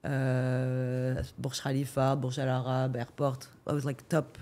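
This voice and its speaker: A woman real estate agent speaks English with a French accent, pausing often on fillers and restarting her phrases. She answers questions in a relaxed interview. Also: extremely low pitch. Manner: hesitant, many fillers and restarts. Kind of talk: casual interview.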